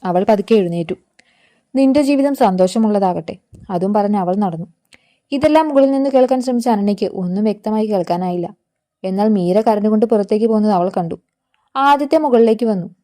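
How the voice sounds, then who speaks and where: A woman narrating a scripted family story in a steady, measured way. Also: mid-range voice.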